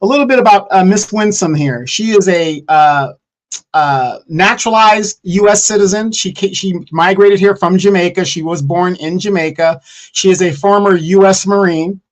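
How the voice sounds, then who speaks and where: A man's voice: high voice, normal speed. A man co-hosting a casual political commentary show, blunt and teasing, with matter-of-fact delivery.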